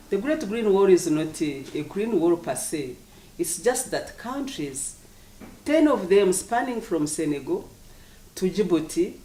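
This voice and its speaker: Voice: medium pitch, warm tone, slight background noise. African official speaking in an echoey room. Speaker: government official, agriculture commissioner. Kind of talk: interview answers, explanatory policy talk. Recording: echoey room, distant microphone.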